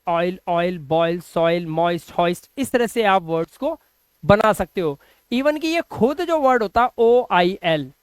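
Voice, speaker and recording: Male phonics tutor, high pitch, dry close sound, repeats and drills words. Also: smooth, no room sound. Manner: repeats words slowly and quizzes viewers. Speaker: English pronunciation teacher. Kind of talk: explaining phonics rules in Hindi.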